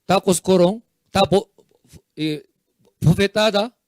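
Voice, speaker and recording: A man preaching a sermon as pastor, in short halting phrases with simple, non-native grammar and frequent repetitions. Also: high voice, dry recording, clean studio sound.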